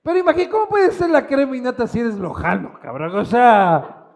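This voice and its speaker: A man's voice: extremely high pitch, sing-song, fairly quick. A man, hosting a talk show with teasing, irreverent, profane chat. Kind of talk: casual comedic chat.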